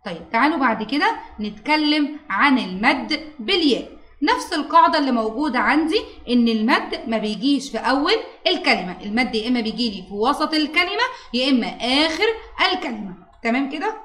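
A woman's voice: high voice, animated, fast talker, a bit bright, echoey room. A woman teacher with an Egyptian Arabic accent, coaxing a pupil through a lesson with questions and praise. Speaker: primary school teacher.

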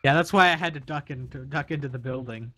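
A man playing an online game with friends, giving quick, excitable callouts. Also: medium pitch. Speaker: game player. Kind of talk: casual gaming chat.

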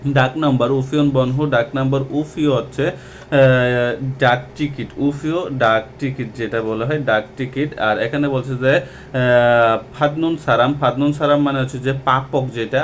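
Man, language lesson, mid-pitched voice, slow and repetitive, faint background hiss. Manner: slow and repetitive, with many hesitations. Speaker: Korean language teacher. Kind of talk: textbook lesson explaining vocabulary.

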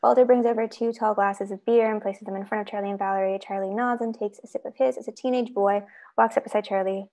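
A woman's voice: medium pitch, steady tone, fast, warm tone. A woman reading stage directions aloud in a matter-of-fact way during a script read-through.

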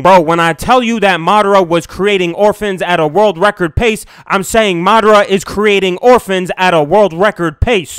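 A young man with a high, smooth voice delivers crude, sarcastic comedic commentary full of slang. The recording is dry and close, with no room sound. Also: fairly bright tone, no room sound. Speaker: anime commentary YouTuber.

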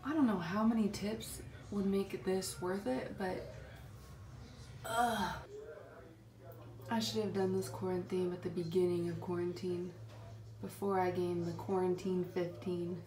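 A woman's voice: fairly low pitch, flat delivery, moderate pace, mellow. A woman in her twenties, a mom, chatting casually to camera in a light, self-mocking vlog. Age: 20s. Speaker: vlogger and mom.

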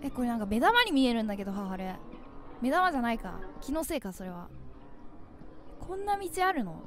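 A young woman giving animated, jumpy commentary as she plays a horror game, calling herself by name. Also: on the high side, a little fast, faint music behind. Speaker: game streamer.

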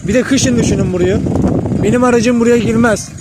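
A man's voice: very high voice, steady tone, a little fast. A man on a rural dirt road, emotionally pleading and calling to stray dogs, filmed on a handheld phone. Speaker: vlogger. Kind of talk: outdoor vlog feeding stray dogs. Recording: loud outdoor noise behind.

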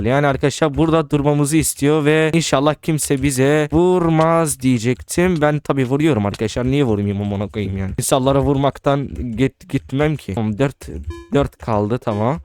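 An excitable young man talks his way through a video game, firing off words in quick repeated bursts and swearing when things go wrong. His voice sits at an ordinary middle pitch, with faint game music playing behind him. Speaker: gaming YouTuber. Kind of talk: casual gameplay commentary.

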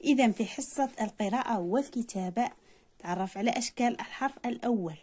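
A woman's voice: fairly high pitch, quick pace, warm tone, breathy edge. A woman teacher, patiently explaining a primary school lesson and drawing out sounds to demonstrate them.

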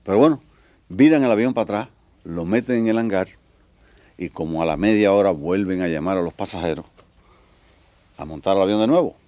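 Low-voiced man telling jokes. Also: a little fast, long pauses, no echo. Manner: animated joke-telling, acting out characters' lines. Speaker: stand-up comedian. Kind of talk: telling jokes on a live comedy record.

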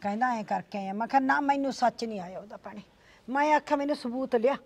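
A woman's voice: fairly high pitch, fast talker, darkish tone. A middle-aged woman acting in a village short drama, lamenting and scolding dramatically as she spreads gossip.

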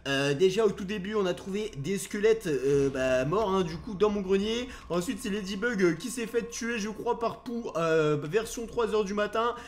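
Young guy with a high voice doing theatrical gameplay commentary, jumpy, bit of noise behind him. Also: normal speed, few pauses. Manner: theatrical, easily alarmed. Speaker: Minecraft video host. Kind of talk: dramatised gameplay commentary addressed to viewers.

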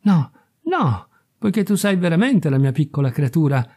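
A man's voice: on the high side, big pitch swings, moderate pace, a little mellow, slightly rough, exaggerated voice. A man voicing a grieving beggar mother who pleads in a raised, tearful voice. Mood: pleading.

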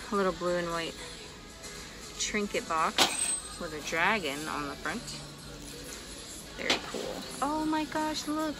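A woman in her thirties, a vintage reseller, chatting casually through a thrift-store haul, thinking aloud with fillers and small laughs, recorded on a handheld phone in a large store. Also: lowish voice.

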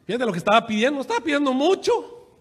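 A man preaches a sermon in a high voice, telling the story with animated, acted-out scenes and frequent restarts. His voice echoes through a large church hall. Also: racing, slightly rough. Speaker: pastor.

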